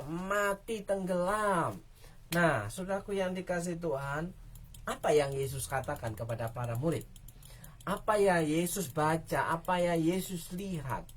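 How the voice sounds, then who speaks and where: A woman pastor delivering a dramatic sermon, speaking directly to her congregation. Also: lowish voice.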